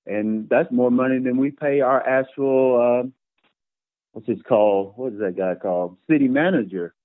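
A man, a city council candidate answering interview questions in a halting, plainspoken way with repeated words. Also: medium pitch, no room sound. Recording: tinny phone line.

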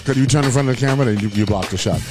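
Brief: New male talk host, playful sing-song delivery, studio recording with loud music underneath. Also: mid-range voice, rapid-fire. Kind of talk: casual talk show hosting.

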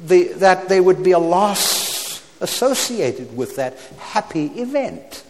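A man's voice: sits high, sing-song, slow, noisy background. Man in his seventies preaching in a reverberant hall. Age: 70s. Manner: wide swings from loud exclamation to quiet aside, frequent stammered restarts; wry humorous asides with chuckles. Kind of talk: sermon.

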